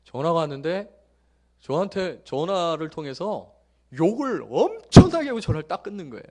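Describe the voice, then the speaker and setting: A middle-aged male pastor preaching a sermon, telling jokey stories that swing from loud bursts to hushed asides. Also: a little high, moderate pace. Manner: lively, joking storytelling with sudden loud bursts and hushed asides.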